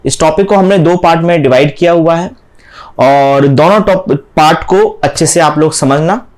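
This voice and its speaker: High-pitched man teaching grammar. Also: moderate pace, darkish tone. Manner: explains step by step, often checking with "thik hai"; mixes English terms into Hindi explanation. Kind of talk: classroom lecture.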